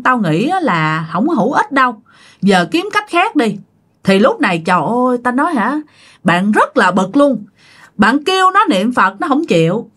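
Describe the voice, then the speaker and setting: A woman's voice: on the high side, a bit bright. A woman telling a ghost story in a casual, chatty way, full of fillers.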